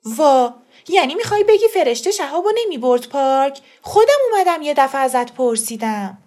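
A woman reader voicing a middle-aged aunt who is tearful and defensive, with a shrill pleading manner. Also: big pitch swings, darkish tone. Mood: upset pleading.

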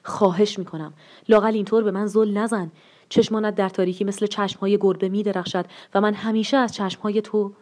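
A woman's voice: mid-range voice, fairly even intonation, a little mellow, lightly acted. A woman voicing a frightened, pleading middle-aged father in a read-aloud story, with an urgent delivery. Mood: weary.

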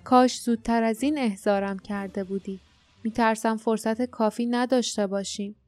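A woman's voice: on the high side, fairly even intonation, darkish tone, dry recording, faint music behind, close to an everyday voice. A woman reading as an urgent young warrior man. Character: young loyal male warrior, urgent and firm.

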